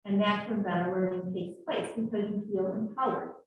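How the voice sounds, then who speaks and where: A woman's voice: mid-range voice, moderate pace. A woman instructor leading a live leadership workshop, drawing answers from the audience in a classroom. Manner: lively, coaxing audience answers. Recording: echoey room, distant muffled mic.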